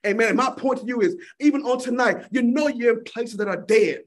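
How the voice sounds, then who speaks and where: Casting high-pitched male preacher, fervent sermon delivery, calls the crowd honey. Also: brisk. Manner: fervent, repeating "my God in heaven" and calling listeners "honey".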